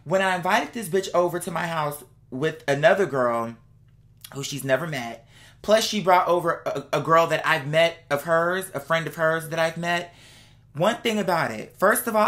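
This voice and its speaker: A vlog host with a deep, slightly bright voice rants casually to her viewers from indoors at home. She is blunt, sassy and exasperated, her delivery emphatic, slangy and laced with profanity.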